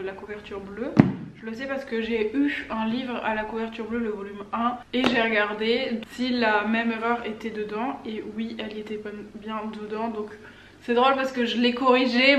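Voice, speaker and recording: A young woman chatting casually to camera as a book vlogger, rambling and losing her train of thought now and then. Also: fairly high pitch. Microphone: camera or phone on a stand. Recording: echoey room with faint background noise.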